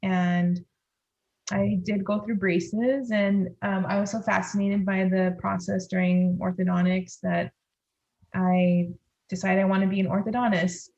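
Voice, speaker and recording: A Los Angeles pediatric dentist with a Californian American accent, she responds in casual conversation as a guest on a podcast. Her voice is mid-range and darkish, with little pitch movement and a measured pace. The lo-fi sound is slightly dull.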